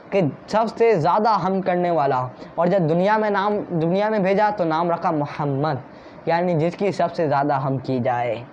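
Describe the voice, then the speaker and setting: A man's voice: sits high, a little mellow, slight background noise. Fervent male preacher, muffled recording. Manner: fervent, rhetorical questions. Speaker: Islamic preacher. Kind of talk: devotional sermon.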